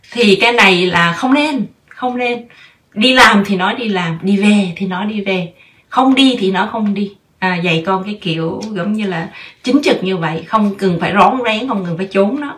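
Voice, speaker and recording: Woman, 30s, podcast host, casual and chatty, mid pitch, somewhat distant mic. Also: a bit bright. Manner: chatty, mixes in English words. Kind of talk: casual advice talk.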